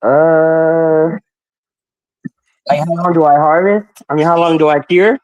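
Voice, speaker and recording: A man appearing as a guest on a livestream, answering in a relaxed, halting way. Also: on the high side, no echo, muffled recording. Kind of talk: casual livestream chat.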